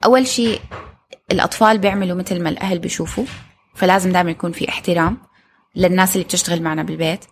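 A woman's voice: fairly low pitch, fairly even intonation, racing, slight background noise. A woman co-hosting a parenting chat, telling stories and quoting others expressively. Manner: storytelling, quotes others expressively. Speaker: podcast co-host, mother.

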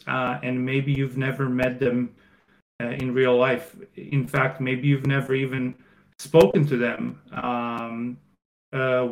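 A man from Croatia in his thirties, a podcast guest talking casually about his startup, with many fillers and pauses. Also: mid-range voice, creaky, rough recording. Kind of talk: casual interview answers.

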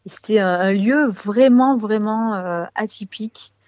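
A woman musician talks casually in an interview, often pausing to search for the right word. Her voice sits at an average pitch. The sound is very dry and a little dull. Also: dry recording. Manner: hesitant, searching for words.

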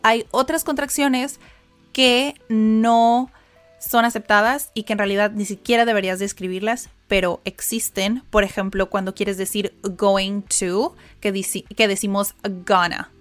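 A woman hosting an English lesson podcast in a casual reaction format, chatty and quick to laugh, repeating words aloud for practice. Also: medium pitch, steady tone, soft background music. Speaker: English teacher and podcast host.

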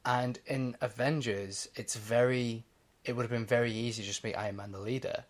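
A man's voice: mid-range voice, fairly even intonation, a little fast. A man co-hosting a podcast in casual chat, explaining his views at length with many "you know"s. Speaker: podcast co-host.

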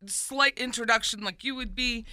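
A woman co-hosting a radio show from a studio desk, talking in a lively, emotional way and telling stories with feeling. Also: on the high side, moderate pace, clear, resonant tone, no room sound. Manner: emotional, animated storyteller. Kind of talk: casual radio chat. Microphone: studio microphone.

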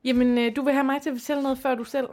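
A woman co-hosting a podcast, telling stories lively with acted-out quotes in a casual chat. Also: high voice. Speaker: podcast co-host.

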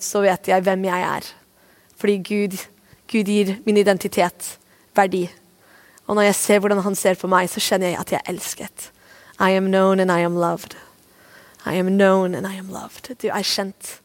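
Earnest woman pastor preaching. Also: medium pitch. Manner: earnest, repeats short phrases. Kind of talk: sermon; ends in spoken prayer.

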